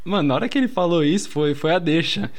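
A man in a casual podcast chat, telling an anecdote in a slangy, animated way. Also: fairly high pitch, fast.

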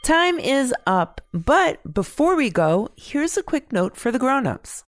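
Lively woman hosting a kids' news show. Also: sits high, slow, no room sound. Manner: bright, explanatory storytelling delivery. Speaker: kids' news podcast host. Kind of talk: scripted narration for children.

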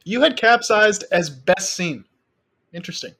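A male guest on a casual film podcast, speaking a little high. He stays amused and hesitant, filling gaps with "like" as he searches for words. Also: animated, measured pace, pushed and bright.

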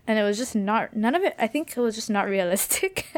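Expressive woman in her twenties, self-mocking. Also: on the high side, fairly quick. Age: 20s. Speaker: podcast co-host. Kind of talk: casual chat.

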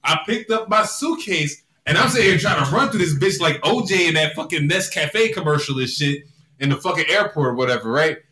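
A man telling a story in casual chat, animated, loud and profane. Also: fairly high pitch, a little fast. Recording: echoey room.

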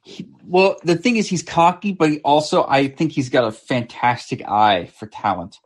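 A man's voice: on the high side, normal speed. A man co-hosting a sports podcast, talking casually and repeating words as he thinks. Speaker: podcast co-host.

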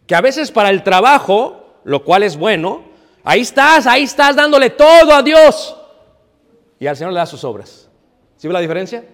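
In a church hall with a big-room sound, a man with a high voice preaches. The pastor scolds his congregation and answers his own questions.

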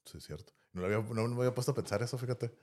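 A man's voice: mid-range voice, very fast, darkish tone. A man with a Mexican accent telling a story in casual podcast chat, rambling and tagging his sentences with "¿no?". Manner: rambling, tags sentences with "¿no?" and "así". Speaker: podcast host.

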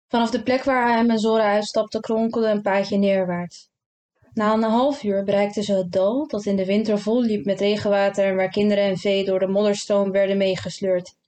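Calm woman reading a literary novel. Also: medium pitch. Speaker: narrator. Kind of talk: literary audiobook narration.

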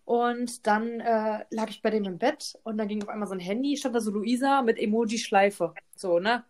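Woman, high-pitched, chatty storyteller, casual podcast talk. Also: moderate pace, a little mellow. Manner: chatty, peppers talk with "ne?" tag questions. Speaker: podcast co-host.

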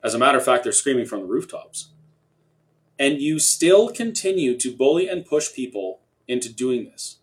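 A man hosting a discussion, speaking earnestly and building to forceful declarations. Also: mid-range voice, very animated, normal speed. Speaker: host. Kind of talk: talk-show discussion.

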